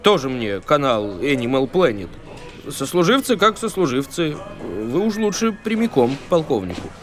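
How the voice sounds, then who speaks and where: A man playing a wry, nervous police duty lieutenant in a comic audio drama, deadpan and deferential. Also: medium pitch, normal speed, soft background music, natural voice. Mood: nervous deference.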